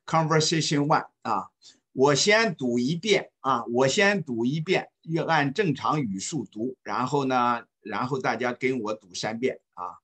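A man teaching an online English class, speaking slowly and patiently and repeating phrases for students to follow. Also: mid-range voice, animated, fairly bright tone, breathy edge. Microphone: video call.

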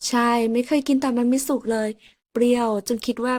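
A woman's voice: fairly high pitch, flat delivery, a little fast, darkish tone, no echo, clean studio sound, close to an everyday voice. A woman doing a playful young heroine.

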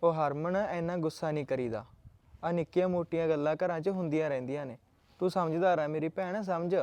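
An actor playing a calm elder brother who reassures his upset sister and plays down the quarrel. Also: on the high side, fairly quick, dry recording, lightly acted. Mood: reassuring. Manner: reassuring, placating. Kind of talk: film drama dialogue.

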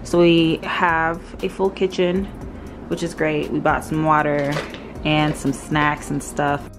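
A woman's voice: sits low, little pitch movement, slow, music in the background. A woman vlogging casually from a mountain rental cabin, chatty and correcting herself, short of breath. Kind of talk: casual vlog narration.

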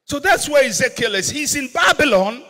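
An older pastor with a Ghanaian accent preaches an emphatic, expressive sermon through a handheld microphone, his bright, ringing voice pitched high for a man. He slows to land key words and builds to shouts, with a long reverb from the large church auditorium stage.

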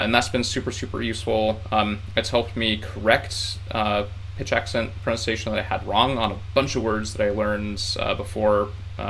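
In a small room, a man in his thirties who is learning Japanese chats casually to the camera as a vlogger, rambling with lots of fillers and restarts and sounding tired from the heat. His voice is lowish and fairly bright, with vocal fry, and the poor audio carries some hiss or hum.

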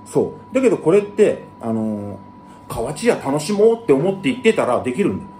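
A man hosting his own channel, talking bluntly in rough, slangy casual speech and explaining things to viewers. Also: sing-song, a little fast, dark tone, slight background noise. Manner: blunt, rough slangy talk with big jumps in pitch. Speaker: channel host. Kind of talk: casual monologue to camera.

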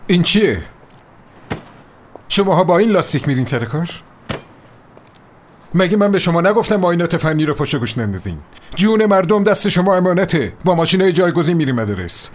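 A man's voice: a little high, big pitch swings, pauses often, a little hiss or hum. A man dubbing a hot-tempered manager in a television drama, snapping orders and losing control over a woman. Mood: stern. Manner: agitated, snapping commands. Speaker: transport company manager. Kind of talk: Persian dub of a TV drama.

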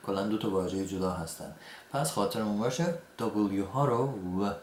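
A man whose first language is Persian, teaching an English grammar lesson and saying his example sentences slowly and carefully. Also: on the low side. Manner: slow, deliberate example sentences between quick explanations. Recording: echoey room, faint background noise.

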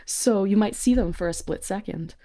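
With a mellow, medium-pitched voice and a moderate pace, a woman guesting on a podcast explains things casually. She's an insect research technician with a nerdy, self-aware explaining style, and there's background music.

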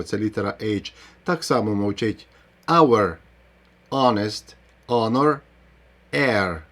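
Man teaching English pronunciation. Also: mid-range voice. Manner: explains step by step, pronouncing English example words. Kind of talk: video lesson.

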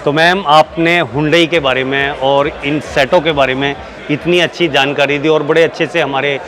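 At an indoor trade fair booth, a man who hosts a channel conducts an on-location interview, repeating and affirming the answers he gets. His voice is on the high side, steady, at normal speed. Crowd chatter and background music fill the busy exhibition hall.

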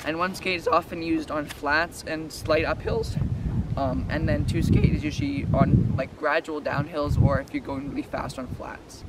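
A man's voice: fairly high pitch, lively intonation, moderate pace. A young man explaining ski technique step by step in a casual way, recorded outdoors on a snowy trail. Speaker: ski instructor. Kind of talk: outdoor instructional talk. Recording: distant outdoor mic with noise.

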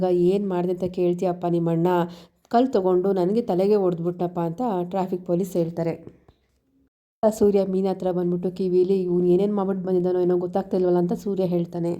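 Dark-voiced woman retelling a serial. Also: lowish voice. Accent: Kannada. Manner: plain storytelling, reads characters' lines without acting them. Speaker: serial recap narrator. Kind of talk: retelling a TV serial episode, voicing quoted lines.

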